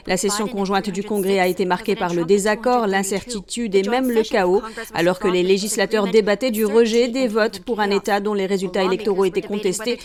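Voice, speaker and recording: A woman anchoring the news, reading a scripted report in an even, measured way. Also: medium pitch.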